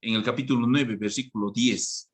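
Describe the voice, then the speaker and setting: A male priest with a Peruvian Spanish accent explains scripture in a relaxed, conversational way. His voice is husky, set at an ordinary pitch, and he keeps checking in with his listeners as he goes. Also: moderate pace. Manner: conversational, tags phrases with "¿no?" and "¿ah?". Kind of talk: bible lesson.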